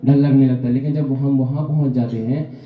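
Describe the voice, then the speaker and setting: A man's voice: mid-range voice, fairly even intonation, brisk. Man, motivational testimonial speech, storytelling with acted-out dialogue, echoey hall, muffled sound. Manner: storytelling, acts out dialogue and asks rhetorical questions. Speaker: speaker at a business seminar. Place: meeting hall at a business center.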